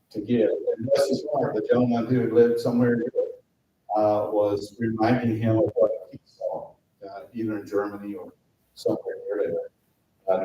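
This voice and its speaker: A man's voice: fairly low pitch, mellow, echoey room. Man, pastor, conversational study talk, many fillers, far from the mic, faint noise.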